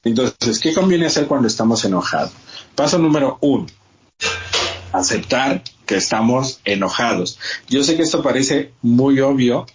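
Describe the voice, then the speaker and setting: Podcast host, male, methodical casual explainer, mid pitch, slightly dull audio. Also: expressive, moderate pace, a little hiss or hum. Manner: explains step by step, acts out quoted dialogue.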